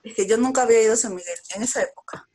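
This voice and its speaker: A young woman with a Peruvian Spanish accent, telling a story to friends in casual chat and quoting herself as she goes. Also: fairly high pitch. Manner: animated storytelling, quick bursts, quoting herself.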